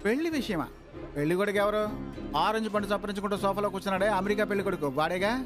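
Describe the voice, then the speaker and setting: An actor playing a cheeky young friend who jokes and teases. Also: male voice, sits high, rapid-fire, over music, lightly acted. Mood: teasing. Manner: teasing, joking. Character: cheeky young male friend, teasing joker.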